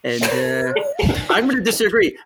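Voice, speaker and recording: A man's voice: mid-range voice, sing-song, normal speed, heavy background noise. A man, a magazine editor, self-mocking in casual podcast chat.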